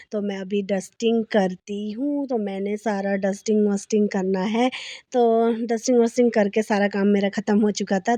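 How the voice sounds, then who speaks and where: A woman's voice: mid-range voice, warm tone, dry recording. A young woman vlogger chatting casually as she narrates her day, telling little stories and laughing often. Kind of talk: casual daily vlog narration.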